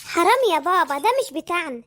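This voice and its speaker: A squeaky cheeky Egyptian cartoon boy. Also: lively intonation, rapid-fire, fairly bright tone, slight background noise. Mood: worried. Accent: Egyptian Arabic. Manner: boastful, chatty. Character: cheeky clever young boy, mother's son.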